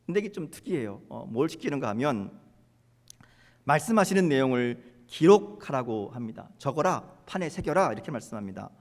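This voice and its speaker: A man's voice: medium pitch, very animated, brisk. A man preaching a sermon as pastor, in a conversational way, acting out prayers with rising emphasis. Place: church sanctuary. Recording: long hall reverb.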